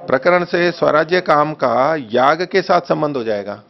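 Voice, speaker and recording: A man teaching a text study class, reading a translation slowly, repeating phrases and correcting the wording patiently. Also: on the high side, lively intonation, creaky. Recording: dull lo-fi recording.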